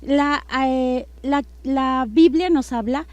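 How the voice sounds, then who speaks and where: A woman's voice: high voice, slow, dry recording, lo-fi sound. A woman giving a sermon-style church teaching, earnest, with frequent fillers and restarts.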